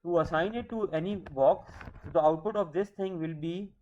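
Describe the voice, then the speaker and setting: A man's voice: on the high side, moderate pace, dark tone. A man in his thirties with a Pakistani English accent, teaching a coding lecture patiently, repeating points and correcting himself. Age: 30s. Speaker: programming teacher. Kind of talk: screen-recorded coding lecture. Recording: dull lo-fi mic with faint hiss.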